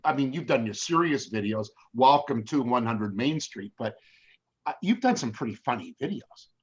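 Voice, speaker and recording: A man's voice: mid-range voice, animated, normal speed, slightly rough. An older man hosting an interview, who often stumbles and repeats words while starting his questions. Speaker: interview host. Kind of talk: casual interview. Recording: slightly dull lo-fi sound.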